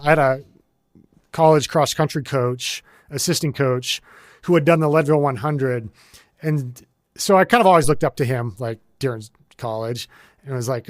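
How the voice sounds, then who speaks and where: A man's voice: mid-range voice, no room sound, studio quality. A man in his forties from the United States, a guest in a casual interview who rambles with many fillers and restarts. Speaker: guest, ultrarunner.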